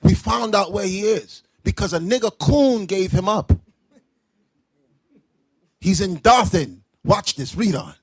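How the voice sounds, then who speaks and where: Shouting high-voiced male preacher. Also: animated, unhurried, pauses often, breathy edge, no room sound. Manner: loud, confrontational, bursts into shouting; explains verses in everyday slang. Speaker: teacher leading a scripture class. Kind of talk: street-style preaching commentary.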